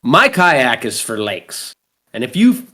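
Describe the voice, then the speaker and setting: A man's voice: mid-range voice, slow. A man in his thirties with a Canadian accent, hosting a podcast and telling rambling, profane stories in casual chat. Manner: rambling, swears freely, lively storytelling. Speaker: podcast host.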